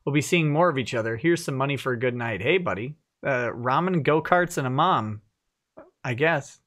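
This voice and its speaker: Animated and a bit bright, this man's medium-pitched voice moves at a moderate pace as he hosts a live stream show. In his thirties, he chats, laughs a lot, and reads viewer comments aloud from a home office studio indoors. He speaks into a headset boom mic.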